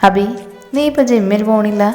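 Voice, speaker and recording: A woman's voice: mid-range voice, fairly quick, mellow, close to an everyday voice. A woman reading as a loving, teasing older father. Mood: tender. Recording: reverberant room with faint music.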